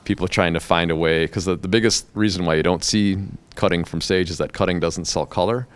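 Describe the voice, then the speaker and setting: A man's voice: low-pitched, fairly quick, clear, resonant tone. A middle-aged man talking casually as a podcast guest, blunt and joking, swearing now and then. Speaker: guest, hair educator.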